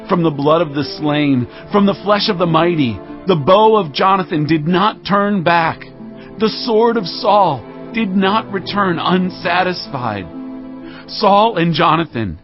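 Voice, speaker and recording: An actor playing a commanding, grief-laden biblical warrior king in a dramatized audio Bible, declaiming slowly and solemnly. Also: a little high, muffled recording. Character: David, grieving, commanding warrior king of Israel.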